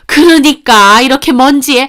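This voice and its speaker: A woman plays a nagging older mother-in-law in an audio story, high in pitch. She scolds and finds fault with everything she sees. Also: normal speed, a bit bright. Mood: scolding.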